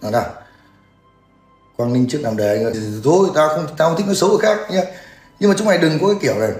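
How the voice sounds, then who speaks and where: A man's voice: a little high, animated, rapid-fire, darkish tone. A man, ranting crudely and mockingly in a livestream. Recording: echoey room with faint music.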